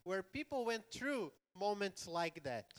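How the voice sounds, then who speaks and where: Church interpreter, male, slow and smooth, fairly high voice. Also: sing-song, a bit bright. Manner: rephrases the preacher line by line, with small grammar slips. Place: church hall.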